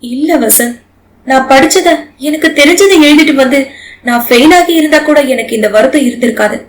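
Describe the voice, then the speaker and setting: குற்ற உணர்ச்சியில் தவிக்கும் ஒரு இளம் மனைவி, சற்று உயர்ந்த குரலில் அழுகையுடன் கெஞ்சுவது போல் பேசுகிறாள், ஒரு பெண் கதைசொல்லி அவளைப் பேசுகிறார். ஆடியோ நாவலின் கதாபாத்திரமாக அவள் குரல் வேதனையால் நடுங்குகிறது. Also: female voice, sits high, fairly quick, lightly acted, low-quality recording. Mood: tearful. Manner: pleading, tearful. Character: young wife, guilt-ridden and tearful.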